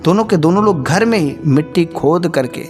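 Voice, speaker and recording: A man narrating a devotional moral story in a plain, unhurried way, with frequent filler phrases. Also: on the high side, animated, darkish tone, faint music behind.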